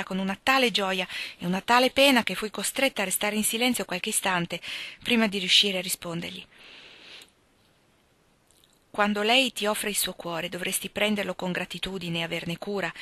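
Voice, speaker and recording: Bright-voiced woman reading a novel. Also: mid-range voice, dry recording. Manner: voices dialogue with louder, slower lines. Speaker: audiobook reader.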